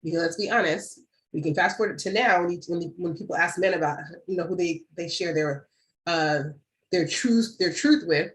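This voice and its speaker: A woman's voice: lowish voice, moderate pace, poor audio. A woman co-hosting a casual podcast, talking things through and putting questions to her co-host. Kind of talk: casual chat.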